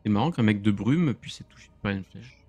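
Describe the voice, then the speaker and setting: Male tabletop player, lowish pitch, dry close sound, wry casual chat. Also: animated, brisk, dark tone, breathy edge, no room sound. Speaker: tabletop role-playing player.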